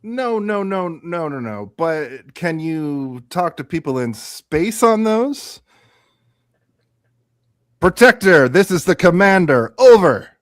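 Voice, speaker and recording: Man acting washed-up space hero actor, high voice, very animated, agitated, insistent, radio theatre. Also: slow pace, hardly any pauses, smooth, no room sound, clean studio sound. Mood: eager. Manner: agitated, insistent, repeats himself. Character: excitable washed-up male space-show actor, pleading and boastful.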